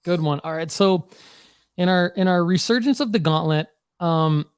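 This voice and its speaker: A man with a slightly high voice hosts a casual podcast panel. He banters bluntly with the others, in a dry, close recording. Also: moderate pace, clear, resonant tone, dry recording. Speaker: podcast host.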